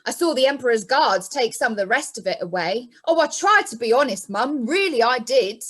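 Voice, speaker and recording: A woman's voice: fairly high pitch, animated, a little fast, fairly bright tone. A woman playing an eager, earnest young lad in a comic pantomime, with exaggerated enthusiasm. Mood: earnest, protesting.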